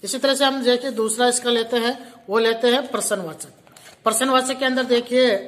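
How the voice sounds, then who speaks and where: A woman teacher giving a grammar lesson to young schoolchildren, explaining slowly and repeating each point. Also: fairly high pitch, a bit bright. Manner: explains slowly, repeats words and reads out example sentences.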